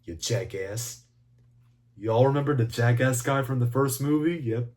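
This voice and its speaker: A man rambling through a casual, profanity-laced movie review, swinging between excited and mumbling. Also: medium pitch, measured pace. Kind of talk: casual video commentary.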